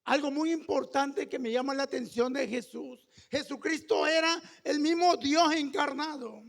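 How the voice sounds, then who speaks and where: A man preaching a fervent sermon, at times shouting and calling the listeners brother. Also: extremely high pitch, moderate pace, creaky. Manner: intimate, addresses listeners as brother. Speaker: pastor.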